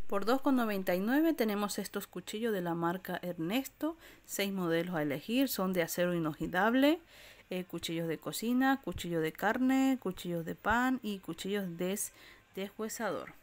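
A shopping vlogger with a medium-pitched voice walks through an aisle of an indoor discount supermarket, filming on a handheld phone while browsing. She gives a walk-through product rundown, reading out prices and sizes in a steady, list-like way.

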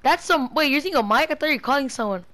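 A woman in casual gaming chat with a friend, excitable, loud and quick to swear. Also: high voice.

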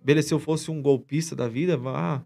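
As a podcast guest, this man tells a story in casual chat, rambling and slangy and restarting often. His voice is fairly high-pitched, steady in tone, creaky and a little mellow, and he speaks fairly quickly.

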